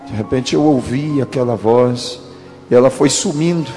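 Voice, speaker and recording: A man's voice: medium pitch, dark tone. Man, pastor, thirties, dramatic testimony sermon, long hall echo. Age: 30s. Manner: dramatic storytelling, slows for quoted speech. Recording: reverberant hall with music behind.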